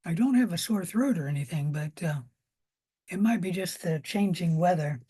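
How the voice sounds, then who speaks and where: A woman with a hoarse, lowish, mellow voice gives an informal biology lecture. She explains things step by step, pausing and repeating herself.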